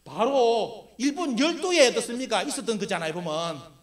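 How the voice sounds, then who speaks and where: A man's voice: very high voice, lively intonation, moderate pace. A middle-aged man giving an emphatic public history lecture with slides, constantly posing rhetorical questions and answering them himself. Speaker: lecturer for a history civic group.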